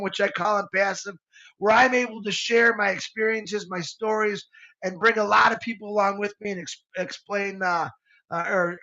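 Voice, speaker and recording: An earnest man in his fifties speaks with a bright, gravelly voice that sits high for a man. He rambles with feeling, often stopping and restarting his sentences. The sound is slightly dull and lo-fi, like a livestream. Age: 50s. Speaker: show co-host. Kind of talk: live motivational talk.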